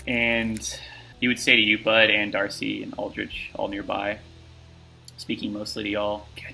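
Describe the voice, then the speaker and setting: A man's voice: lowish voice, vocal fry, pushed and bright, a little hiss or hum, rough recording. A man narrating a tabletop game as game master, talking loosely with lots of fillers and restarts.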